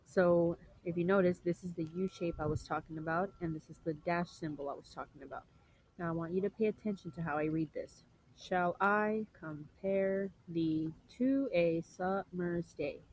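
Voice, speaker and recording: A young woman presenting a literature lesson for a class, explaining step by step, rephrasing often and clearing her throat now and then. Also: lowish voice, steady tone, brisk, darkish tone, a little hiss or hum, rough recording. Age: young adult. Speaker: student presenter.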